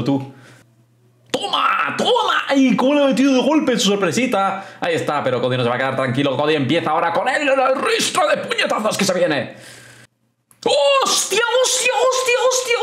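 A streamer with a Spain Spanish accent reacts live, full of exclamations and swearing, often repeating words in quick bursts. The pitch swings widely, and the voice sits in a roomy, echoey space. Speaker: streamer reacting to a wrestling show. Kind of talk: excited live reaction commentary. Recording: roomy echo.

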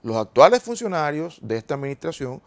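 A man, a lawyer being interviewed on a TV program, who explains things in a measured, formal legal way. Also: on the high side, sing-song. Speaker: lawyer guest.

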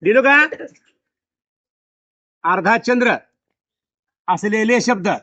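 A man's voice: high voice, slow, fairly bright tone, no room sound. Male teacher in a classroom, keeps firing the same question at pupils, dry, dull lo-fi recording. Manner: repeats questions to pupils, drilling. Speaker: school teacher.

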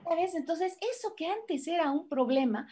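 A woman giving a motivational conference lecture in an animated way, full of rhetorical questions and acted-out voices. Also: very high voice, normal speed, slight background noise. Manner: acts out people's voices and excuses. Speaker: conference speaker.

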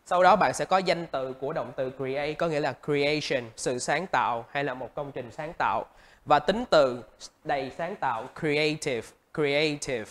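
A man's voice: fairly high pitch, unhurried. A male English teacher with a Vietnamese accent teaching vocabulary, repeating each word several times and stressing its syllables. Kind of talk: vocabulary lesson.

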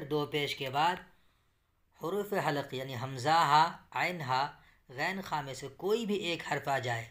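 A man teaching Quran reading step by step, explaining a rule and then sounding out syllables slowly, with patient repetition of the key terms. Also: fairly high pitch, fairly bright tone. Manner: explains a rule, then drills it with slow, drawn-out syllable recitation. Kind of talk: step-by-step recitation lesson.

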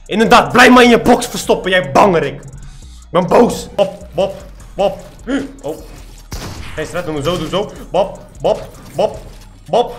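Boastful young man, high voice. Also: expressive, measured pace, long pauses, a bit bright, soft background music. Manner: boastful, trash-talking, repetitive taunts. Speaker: gaming YouTuber. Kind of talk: live gameplay commentary.

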